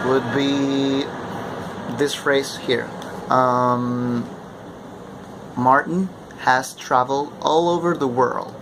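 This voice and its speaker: Young man. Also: mid-range voice. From Ecuador. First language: Spanish. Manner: keeps checking in with a questioning "okay?". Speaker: language student presenting. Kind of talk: explanatory class presentation. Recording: steady air-conditioning hum behind.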